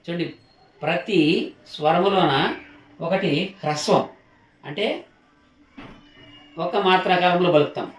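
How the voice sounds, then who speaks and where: Slow, patient male teacher in an echoey room. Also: high voice, a little hiss or hum. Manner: patient, repeats each sound and asks the learners questions. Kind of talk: slow alphabet lesson, demonstrating letters while writing. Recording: roomy echo.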